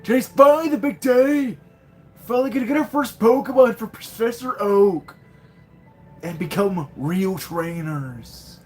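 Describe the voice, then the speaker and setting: A man voicing a cocky, excitable young rival in a video game, loud, bossy and overeager. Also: sits high, a little slow, soft background music, voice pushed up. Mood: excited. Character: cocky, excitable boy rival, pushy and eager. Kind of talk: reading game dialogue aloud in character.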